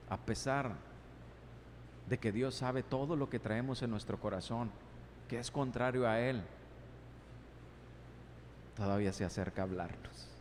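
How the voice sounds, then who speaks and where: A man's voice: mid-range voice, darkish tone, slight background noise. A male pastor preaching an impassioned sermon, asking many rhetorical questions and voicing God's replies. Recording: long reverb in a large hall, faint ambience.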